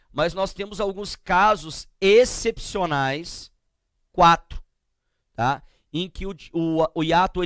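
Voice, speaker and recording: A man teaching a grammar lesson, explaining slowly and often asking the class to check they follow. He speaks with a Brazilian Portuguese accent. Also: high voice, clear, resonant tone, no echo, studio quality. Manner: slow, drawn-out explanations with frequent checking questions.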